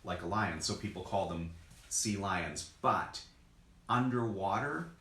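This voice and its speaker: A man's voice: low voice, unhurried, bright, forceful tone. A man co-hosting a children's lesson as a zoologist, explaining things casually and simply in short pieces. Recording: echoey room, background noise.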